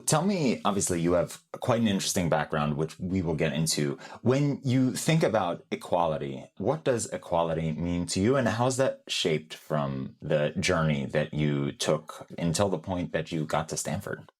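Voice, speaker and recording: A man's voice: sits low, animated, normal speed, hardly any pauses. A man hosting an interview in a friendly, upbeat way, asking open questions. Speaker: host.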